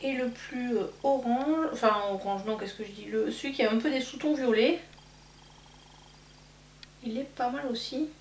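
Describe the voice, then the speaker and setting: A woman's voice: on the high side, normal speed, long pauses. A woman in her thirties, a beauty vlogger chatting casually and rambling with many fillers while doing her makeup. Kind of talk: casual get-ready-with-me chat. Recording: echoey room, mic at a distance, faint hum.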